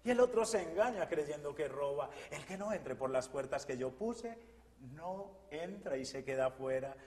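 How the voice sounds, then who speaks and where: A man's voice: on the high side, animated, moderate pace, a little mellow, in a large hall. Fervent man. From Colombia. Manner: earnest, fervent, repeats phrases. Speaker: testimony guest. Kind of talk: emotional religious testimony.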